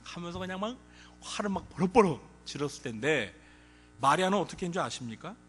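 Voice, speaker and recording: A man's voice: fairly high pitch, animated, quick pace, a bit bright, breathy edge, soft background music. A male pastor preaching a sermon to his congregation, acting out quoted parents and children with frequent chuckles. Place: large church hall. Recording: long church hall reverb.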